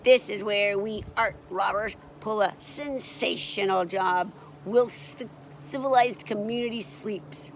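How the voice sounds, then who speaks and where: A woman's voice: medium pitch, a little slow, a little hiss or hum, natural voice. Woman doing a boastful sneak thief man. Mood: scheming. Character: sly adult male art thief, boastful.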